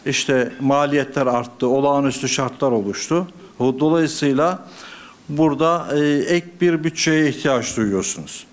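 Man, budget committee member, podium microphone, formal council address, measured, hesitant fillers. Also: medium pitch.

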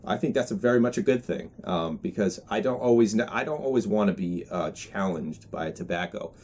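Young male reviewer, 20s, low-pitched, thoughtful pauses, casual and measured delivery, recorded indoors. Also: expressive, darkish tone. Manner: measured, hesitant, pausing to find words. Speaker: product reviewer. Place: indoors in a small room with bookshelves.

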